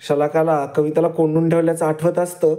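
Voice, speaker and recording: A narrator steadily recounting a TV serial episode, scene by scene. The voice is mellow and slightly dark, at an ordinary middle pitch. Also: level tone, fairly quick. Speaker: story recap narrator.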